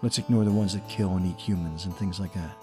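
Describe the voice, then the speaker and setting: Low-voiced male horror host over music. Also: fairly even intonation, quick pace, a little mellow. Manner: theatrical, tongue-in-cheek macabre showman. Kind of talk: horror host, scripted spooky narration. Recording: music behind the voice.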